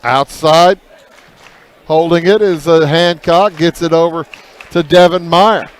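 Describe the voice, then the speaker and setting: A man calling a high school basketball game play by play, measured with filler pauses, lifting his voice on big plays. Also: steady tone. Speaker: play-by-play announcer.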